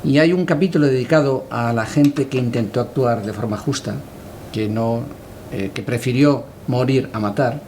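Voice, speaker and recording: A middle-aged man from Galicia, Spain, giving reflective interview answers as a cultural editor, measured and thoughtful with hesitant pauses. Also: medium pitch, darkish tone, a little hiss or hum.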